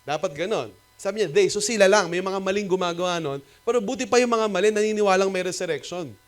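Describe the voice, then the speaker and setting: Animated Filipino pastor preaching. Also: male voice, high-pitched, fast. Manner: animated, rhetorical preaching that mixes Tagalog and English. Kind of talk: sermon. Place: cinema used as a church hall.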